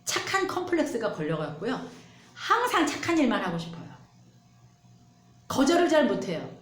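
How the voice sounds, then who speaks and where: A woman pastor preaching a sermon in an animated, emphatic way. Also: fairly high pitch, moderate pace, reverberant.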